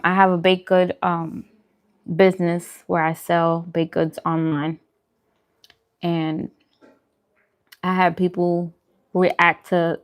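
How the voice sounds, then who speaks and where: A smooth, fairly low female voice belongs to an adult parent who vlogs about food and live streams. She chats informally with viewers, answering their comments as they come in.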